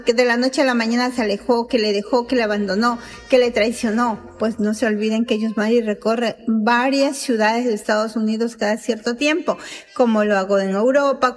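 A woman's voice: fairly high pitch, big-room sound. Persuasive Ecuadorian woman healer. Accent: Ecuadorian Spanish. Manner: persuasive, insistent, repetitive listing. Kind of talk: promotional broadcast address.

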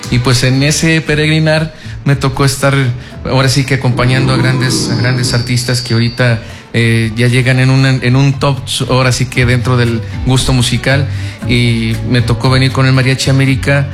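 A man's voice: medium pitch, little pitch movement, moderate pace, music in the background. A man with a Mexican accent, a mariachi musician, answering questions courteously as a guest in a radio studio. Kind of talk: radio interview.

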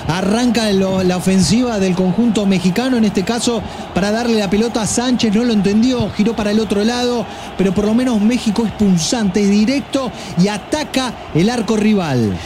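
A man with an Argentine Spanish accent, a co-commentator giving measured tactical analysis during a live football stream. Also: high voice, noisy background.

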